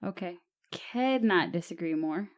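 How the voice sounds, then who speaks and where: Podcast co-host, woman in her twenties, lowish voice, playful and teasing. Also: animated, a little slow. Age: 20s. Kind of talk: casual podcast chat.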